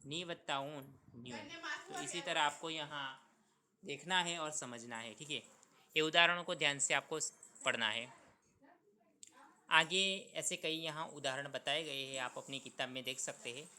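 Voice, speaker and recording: In a recorded Hindi grammar lesson, a male school teacher with a fairly high, sharp voice repeats each sound and moves through the steps slowly. He asks his students questions and then answers them himself.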